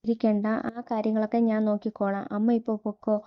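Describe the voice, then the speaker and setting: A woman reading the lines of a defensive, short-tempered grown son in an even, flat voice. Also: mid-range voice, fast, highs cut off, natural voice. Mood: irritated.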